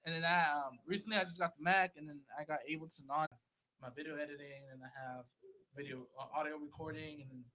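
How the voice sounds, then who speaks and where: A man's voice: on the high side, fairly even intonation, quick pace, bright, forceful tone, poor audio. A young man from Oceanside, California, guesting on a podcast. He chats casually in a rambling, laid-back way, with lots of fillers and swearing. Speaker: guest musician. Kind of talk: casual chat.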